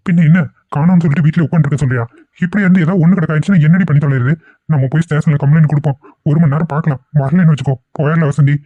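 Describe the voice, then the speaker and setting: A man's voice: fairly high pitch, steady tone, rapid-fire, no echo, narrow, tinny audio, lightly acted. A man voicing a worried, impatient middle-aged father who scolds his wife, in a cartoon. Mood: worried, scolding. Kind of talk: cartoon voice acting.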